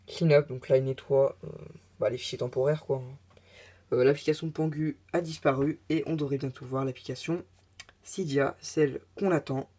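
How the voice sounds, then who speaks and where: Hesitant man with a mellow voice. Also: medium pitch. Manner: hesitant, many filler sounds, chatty asides. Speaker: tech tutorial presenter. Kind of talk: casual screen tutorial narration.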